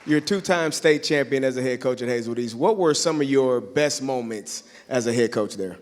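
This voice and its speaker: A man's voice: mid-range voice, a little fast, a little hiss or hum. Midwest guy asking questions on stage, upbeat and admiring, long echo in a big hall. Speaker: interviewer at awards dinner. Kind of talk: on-stage interview. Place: large banquet hall. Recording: reverberant banquet hall.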